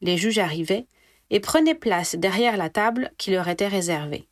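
A woman narrates a story in a steady, clear reading voice at a middle pitch. The sound is dry and close, with no room around it. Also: moderate pace, dry recording. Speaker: reader of fan fiction. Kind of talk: audiobook narration.

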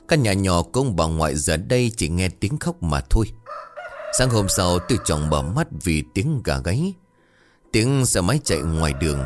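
A man narrating a ghost story in a steady, sober reading style. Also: low voice. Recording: dry voice with faint music.

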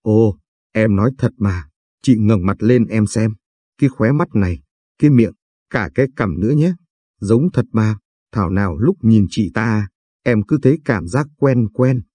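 A gossipy working woman picking oranges, read aloud by a man. The voice sits low and mellow with a husky grain. It is recorded dry and close, like a storybook narration. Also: animated, a little slow, dry recording. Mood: chatty. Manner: gossipy, talkative. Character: chatty middle-aged woman orange picker.

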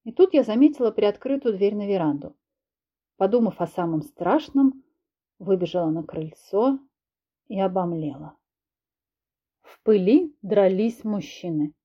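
A woman narrating a first-person audiobook in a lively, expressive reading, in a dull lo-fi recording. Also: medium pitch, a little slow, pauses often, slightly rough. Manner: lively, expressive reading with raised shouted quotes.

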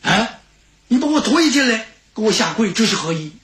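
A man's voice: high voice, big pitch swings, moderate pace, a bit bright, reverberant, voice pushed up. A man voicing a frail ninety-year-old male house steward in a storytelling broadcast, quavering and bewildered.

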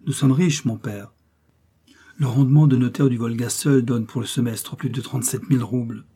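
A man reading the lines of a proud, calm young princess, speaking with cool, polite reserve. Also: medium pitch, normal speed, breathy edge, lightly acted.

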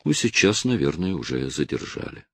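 A man voicing a stern, weary male police officer who speaks quietly and firmly. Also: very deep voice, very animated, moderate pace, vocal fry, no room sound, studio quality, full character voice.

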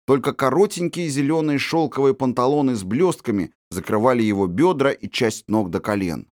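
Male audiobook narrator, mid-pitched, measured storytelling, very dry close sound. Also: lively intonation, darkish tone, no room sound. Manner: measured, descriptive reading.

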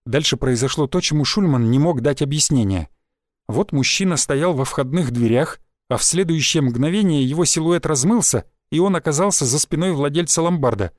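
A man narrating an audiobook in a steady, even storytelling voice. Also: fairly high pitch, moderate pace, dry recording. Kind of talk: scripted narration.

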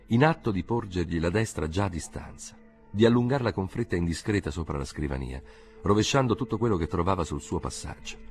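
A man narrating a literary audiobook in a measured, expressive way. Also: low-pitched. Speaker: audiobook reader. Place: recording studio.

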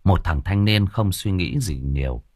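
A man narrating an audio story with a dramatic, expressive storytelling manner. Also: sits low, a little slow, no room sound, clean studio sound.

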